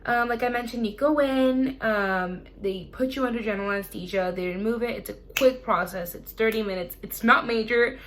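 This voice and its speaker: A young adult woman vlogger chatting casually to camera, telling personal stories in a chatty, animated way. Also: on the high side, fairly quick, few pauses, slight background noise.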